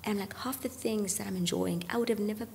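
This thirtysomething woman, a gospel singer, holds a reflective podcast conversation about faith, earnest and often near-whispering on key points. Her medium-pitched voice moves quickly and is gravelly and slightly mellow, recorded on a boom-arm studio mic in a large hall with a little hiss or hum.

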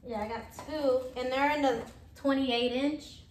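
A woman's voice: high voice, steady tone, a little slow, a little hiss or hum. A woman in her thirties casually chatting through a shopping haul in her living room, filmed by a camera across the room. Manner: chatty, showing items one by one. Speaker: vlogger. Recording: echoey room.

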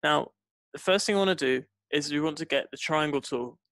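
A trading instructor reads a scripted tutorial into a close, dry voice-over mic, walking through each step. His voice sits a little high and a bit bright, his pace is brisk, and there's no echo.

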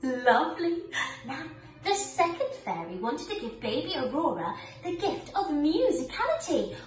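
A woman's voice: sits high, very animated, moderate pace. A young woman teaching small children like an overbright kids party host, with sing-song delivery, coaxing questions and exaggerated oohs. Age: young adult. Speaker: pre-school ballet teacher. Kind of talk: children's lesson and storytelling, talking to small children. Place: living room with wooden floor. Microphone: camera a few metres away. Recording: roomy echo, distant camera microphone, faint music.

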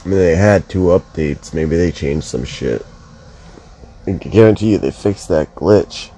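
A man's voice: low-pitched, a little slow, warm tone, husky, poor audio. A man commentating his mobile game casually, groggy from just waking up, swearing and muttering to himself. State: just woke up, yawning.

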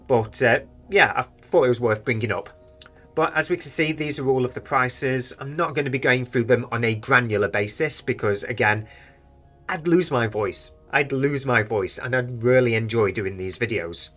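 A young British man in his twenties rambles through speculative, chatty game market commentary from a small room at home, using a desk microphone near his face. His medium-pitched voice is a bit bright and slightly worn, at normal speed, with soft music behind it.

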